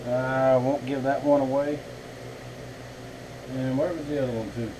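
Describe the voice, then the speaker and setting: A man's voice: mid-range voice, steady tone, measured pace, background noise. A man, a knifemaker chatting casually and folksily to his viewers from his home workshop. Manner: rambling, folksy, talks to viewers as y'all. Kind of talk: casual vlog chat.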